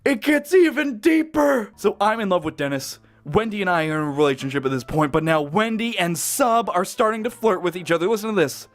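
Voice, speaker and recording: High-voiced excitable man reading fanfic. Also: fairly quick, hardly any pauses. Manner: excitable, laughs often, gushing asides. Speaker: YouTuber reading fan fiction. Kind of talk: reading fan fiction aloud with reactions.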